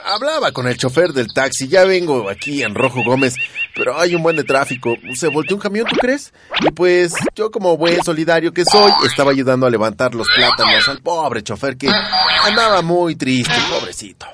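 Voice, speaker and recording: A man's voice: on the high side, big pitch swings, normal speed, heavy background noise. A man with a Mexican accent playing a flustered young slacker in a comic radio drama, stammering evasive excuses. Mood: sheepish fibbing.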